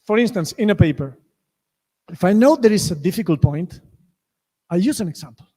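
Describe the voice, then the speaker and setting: A man's voice: high-pitched, expressive, fairly quick. A man with a Spanish accent, a native Spanish speaker, giving a conference lecture with many restarts and self-corrections. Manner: many restarts, acts out story lines loudly. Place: lecture hall. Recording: reverberant lecture hall.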